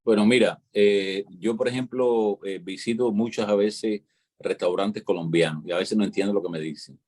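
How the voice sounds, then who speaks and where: A low, husky man's voice with a Cuban accent, talking like a teacher. He explains things at length in a casual show conversation and keeps checking that the listener follows. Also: fairly even intonation, moderate pace, darkish tone. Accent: Cuban Spanish. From Cuba. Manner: lecturing, explanatory, peppers talk with "¿entiendes?".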